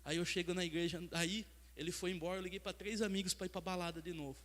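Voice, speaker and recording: A man's voice: high-pitched, fairly even intonation, fast, fairly bright tone. Man preaching in a reverberant church. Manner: storytelling, acts out dialogue. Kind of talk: sermon testimony. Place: church sanctuary.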